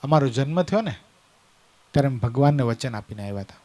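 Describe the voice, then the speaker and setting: A man's voice: medium pitch, expressive, quick pace, voice pushed down, natural voice. A man voicing two remorseful young twin men who speak humbly as one. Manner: soft, pleading.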